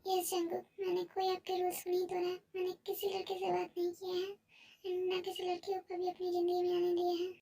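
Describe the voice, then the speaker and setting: A woman voicing a timid, tearful young college woman who speaks in a soft, pleading way. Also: very high voice, monotone, fairly quick, distant mic.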